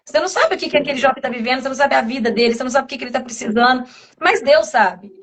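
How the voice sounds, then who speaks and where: Woman, high pitch, earnest, reflective, interview guest. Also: expressive, very fast. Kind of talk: conversational interview testimony.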